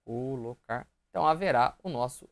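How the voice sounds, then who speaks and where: A man's voice: medium pitch, moderate pace. A man with a Brazilian Portuguese accent teaching an online grammar lesson, often checking in with the viewer and voicing imagined student questions.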